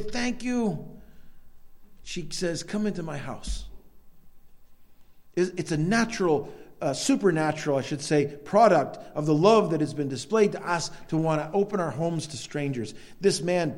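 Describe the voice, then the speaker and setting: An American man preaching a conversational sermon, telling stories with animated peaks and frequent restarts. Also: fairly high pitch. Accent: American English. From United States. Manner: storytelling with rising animated peaks, self-repeating restarts.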